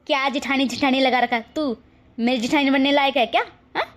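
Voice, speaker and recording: A woman's voice: sits high, fairly even intonation, brisk, lightly acted. A woman voicing a spoiled, arrogant young bride from a rich family in a cartoon story, talking haughtily and insultingly. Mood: haughty.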